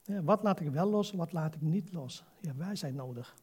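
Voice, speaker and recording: A man's voice: fairly high pitch, lively intonation, normal speed, darkish tone, slightly rough. A man in his sixties preaching a sermon, earnest and exhorting, leaning on rhetorical questions.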